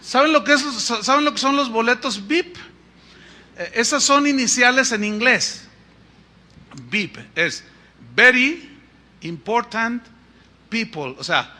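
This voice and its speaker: High, forceful preacher man. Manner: emphatic preaching with sudden loud rises; speaks to the congregation as brothers. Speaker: pastor. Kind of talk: sermon. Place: church.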